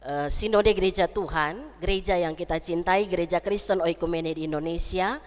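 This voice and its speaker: Leading prayer and a sermon in a church sanctuary, a woman pastor chats easily with her congregation, ending lines with "ya" and "gitu kan." Her fairly low voice sounds nasal and congested from a cold, and she speaks at a moderate pace. A long church hall reverb fills the recording.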